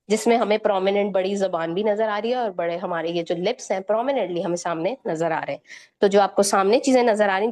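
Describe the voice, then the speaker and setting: A woman's voice: medium pitch, a little mellow. A woman teaching Quran recitation, explaining each point and then quizzing her listeners with questions, with frequent checks of "okay?". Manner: repeats "theek hai" to check understanding, quizzes listeners with questions. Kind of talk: explanatory lesson to students.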